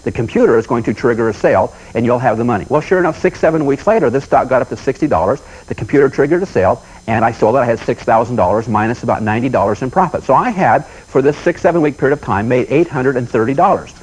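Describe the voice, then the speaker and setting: A man's voice: mid-range voice, expressive, fast talker, hardly any pauses, a little mellow, husky, low-quality recording. A man telling folksy stories as a motivational seminar speaker, with punchy repetition.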